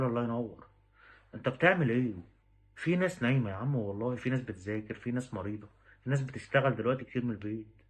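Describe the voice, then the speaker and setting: A man with an Egyptian Arabic accent, talking straight to the listener in an exasperated, pleading rant. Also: mid-range voice. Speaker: vlogger. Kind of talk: direct-to-camera rant.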